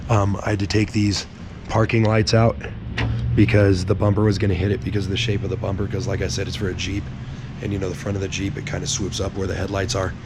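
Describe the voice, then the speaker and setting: A man with a hoarse, raspy, sick-sounding voice, casually explaining a vehicle build in a blunt, sweary way. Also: low-pitched, flat delivery, fast talker, noisy background. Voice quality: raspy, strained, gravelly voice. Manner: blunt, swearing, laid-back. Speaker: host of a truck build vlog.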